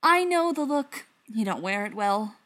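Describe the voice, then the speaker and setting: A woman's voice: fairly high pitch, expressive, a little slow, a bit bright. A woman voicing a smug, mocking male vampire elder in an audiobook reading. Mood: smug taunting.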